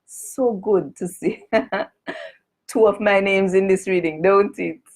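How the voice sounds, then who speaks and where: A woman with a Jamaican accent, hosting and reading aloud to online viewers in an animated, emphatic way. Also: mid-range voice, slow pace. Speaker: host of an online reading and petition session.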